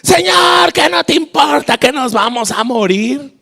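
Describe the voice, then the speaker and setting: A man voicing frightened disciples, shouting high and strained at their teacher in a reverberant hall. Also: animated, a little slow, gravelly, full character voice. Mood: frantic.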